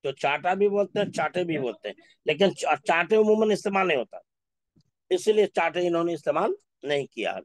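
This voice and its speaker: A man teaching an Urdu class, going through word lists slowly and repeating each word. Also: fairly high pitch, lively intonation, no room sound. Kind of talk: classroom lesson.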